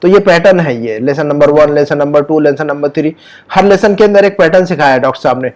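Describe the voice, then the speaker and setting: A man teaching an Arabic lesson to a student, patiently repeating words, drawing out sounds slowly and checking understanding. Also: a little high, darkish tone.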